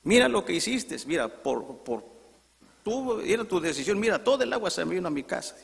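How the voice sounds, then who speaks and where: A man voicing an angry, shouting male neighbor in a story. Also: high voice, very animated, brisk, creaky, husky, big-room sound, pitched above the performer's own voice, full character voice. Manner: loud, accusing.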